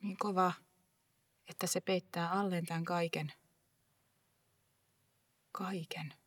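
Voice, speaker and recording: A woman performing a dramatic first-person monologue with an intense, hushed delivery. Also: on the low side, steady tone, no echo.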